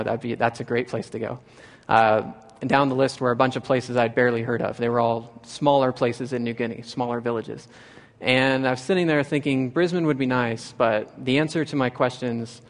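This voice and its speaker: A young man from Nebraska giving an earnest storytelling talk, often restarting phrases and lifting his voice for quoted lines. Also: medium pitch. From Nebraska, USA.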